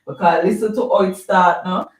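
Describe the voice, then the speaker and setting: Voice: medium pitch, steady tone, normal speed, far from the mic. A live-stream host with a Jamaican accent, chatting casually and reading out viewer comments, rambling and repeating words. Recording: roomy sound, voice off-mic.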